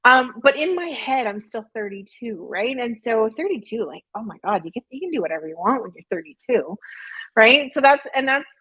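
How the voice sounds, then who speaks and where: Brief: late-forties woman guest, husky tone, dry close sound, candid and reflective. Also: on the high side, animated, a little fast, pushed and bright, dry recording, lo-fi sound. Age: 40s. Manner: candid, reflective, self-deprecating. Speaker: podcast guest. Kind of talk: casual interview chat.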